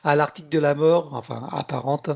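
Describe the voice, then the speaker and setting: A man's voice: fairly high pitch, brisk, vocal fry. A man hosting a spiritual session in an informal, conversational way.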